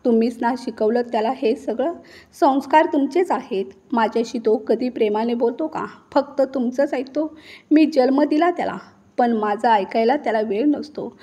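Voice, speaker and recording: A long-suffering mother-in-law finally standing her ground, as a woman reader puts her on, in a fairly high voice. She speaks slowly, weighing each word for dramatic emphasis, in a storybook reading. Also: dark tone, natural voice. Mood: defiant. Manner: slow, emphatic dramatic delivery. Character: wronged middle-aged mother-in-law turning defiant.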